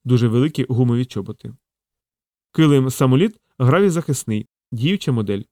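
A man narrates an audiobook in a steady, even voice at a mid pitch. The recording is close-miked and very dry, with no room sound. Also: brisk, no room sound. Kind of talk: scripted narration.

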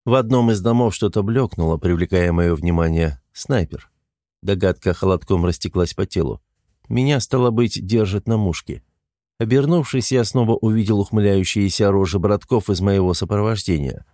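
A man narrating a first-person audiobook with a low, warm, mellow voice. His delivery is even, restrained and matter-of-fact, and the recording is close and dry with no room around it. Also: moderate pace, no room sound.

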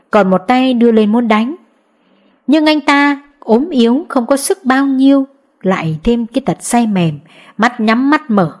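A woman narrating an audiobook in a steady storytelling manner. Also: fairly high pitch.

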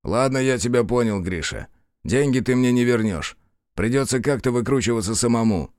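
Performing a guilty, fawning young detective who pleads and wheedles with his partner, a man takes a businesslike mood here. His mid-range, slightly mellow voice is expressive at a moderate pace, raised above his own pitch but near an everyday voice, and the studio-quality recording is dry.

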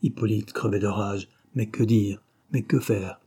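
Man, audiobook narration, husky, dark warm tone, lively dialogue. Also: lowish voice, unhurried. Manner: reads the dialogue with raised, lively voices. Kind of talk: scripted narration.

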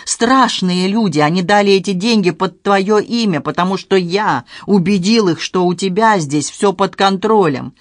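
An audiobook narrator voicing an angry, frightened grown son who shouts bitterly and pleads, in a dry recording. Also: mid-range voice, moderate pace, hardly any pauses, dry recording, close to an everyday voice. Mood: desperate. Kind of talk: dramatized audiobook reading.

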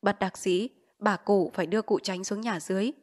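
A woman reads a novel aloud for listeners. Her narration moves briskly and evenly through the story. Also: medium pitch, fairly even intonation. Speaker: audiobook narrator.

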